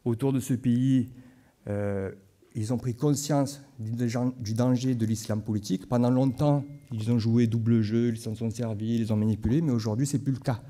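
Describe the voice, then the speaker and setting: A man's voice: medium pitch, mellow. A man from Marseille with a Marseille accent, giving a conference talk in a conversational way and making frequent asides to the audience. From Marseille, France. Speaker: conference speaker. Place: conference hall.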